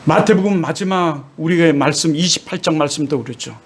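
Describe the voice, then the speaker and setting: Male pastor, middle-aged, high voice, emotional sermon delivery, swings between quiet and loud. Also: brisk, a little hiss or hum. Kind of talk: sermon with personal testimony.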